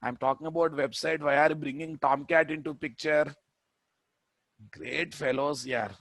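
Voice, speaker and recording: A male programming instructor speaks with a Telugu Indian accent in a fairly high voice. He lectures in a classroom style, repeating key phrases emphatically and throwing questions at his listeners. The sound is dry, with very little echo. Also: fairly even intonation, normal speed, fairly bright tone.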